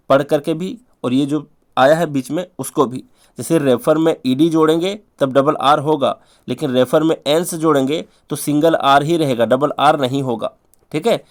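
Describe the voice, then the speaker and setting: A man teaching an English spelling lesson in Hindi, drilling each word over and over in a sing-song way with quick asides. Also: on the high side. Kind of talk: spelling lesson for exam prep.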